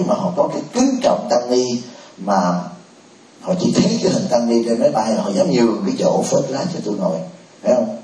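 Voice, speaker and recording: A man speaks as a Buddhist monk hosting a temple discussion, chatty and fond of joking asides. His voice is mellow and dark. He is heard from across an echoey hall rather than close to the mic. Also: fairly low pitch. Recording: roomy hall, from a distance.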